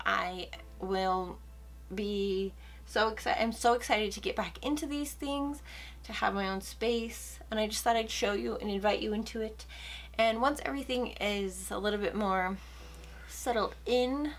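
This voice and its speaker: A woman's voice: mid-range voice, a bit bright. A young woman casually chatting as she walks through her small home filming room, a little out of breath and rambling. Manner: chatty, rambling, self-deprecating. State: slightly out of breath. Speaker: beauty vlogger. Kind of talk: casual tour narration.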